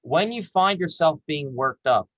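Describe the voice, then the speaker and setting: A man presenting as an executive coach on a webinar, talking earnestly and slowing down to act out example phrases. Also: fairly high pitch, expressive, no room sound, lo-fi sound. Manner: earnest, slows down and acts out example voices.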